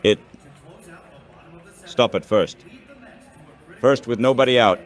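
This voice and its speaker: A man's synthetic TTS voice of medium pitch calls baseball play-by-play for radio in short, clipped phrases. He takes it slowly.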